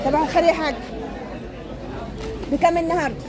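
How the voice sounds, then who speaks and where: A woman's voice: very high-pitched, fairly even intonation, fast talker. An Egyptian woman vlogging casually through a market, asking vendors prices like a haggling shopper and repeating them to her viewers. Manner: asks vendors prices, haggling-style chat in an Arabic market. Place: crowded outdoor street market. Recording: loud busy street market crowd.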